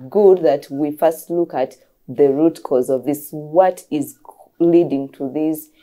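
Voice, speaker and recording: A woman's voice: sits low, takes it slowly, dark tone. A woman, a doctor, explaining earnestly as a guest in an interview and repeating key phrases for emphasis. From Uganda.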